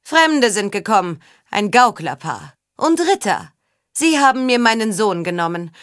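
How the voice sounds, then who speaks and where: A woman reading the part of a mocking, scheming middle-aged knight in an audiobook, speaking slowly and drawing out words. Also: mid-range voice, big pitch swings, fairly bright tone, dry recording, clean studio sound. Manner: mocking, drawn-out delivery.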